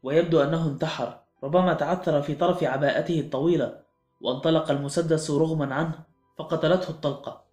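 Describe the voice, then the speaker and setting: A man voicing an older retired army colonel in an audiobook, speaking in a measured, matter-of-fact way. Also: on the high side, steady tone, a little mellow, natural voice. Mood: composed. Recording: echoey room with faint music.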